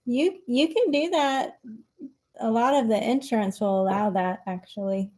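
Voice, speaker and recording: A woman chatting casually at home, laughing easily as she talks. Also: on the high side. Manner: slow, relaxed, laughs often. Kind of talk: casual chat.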